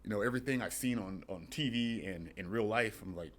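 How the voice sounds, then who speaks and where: A man's voice: on the low side, a little fast, a bit bright. Laughing young man telling stories. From San Diego, USA. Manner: laughing, rambling storyteller. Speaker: guest, wrestler. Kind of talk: casual chat.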